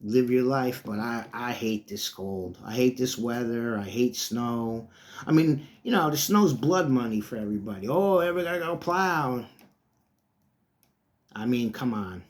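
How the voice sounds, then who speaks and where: A man's voice: medium pitch, normal speed, darkish tone. A middle-aged man hosting his own sports talk channel, chatting in a loose, rambling way and calling his listeners folks. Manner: chatty, folksy, drifts between topics, often calls listeners folks. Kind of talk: casual rambling monologue.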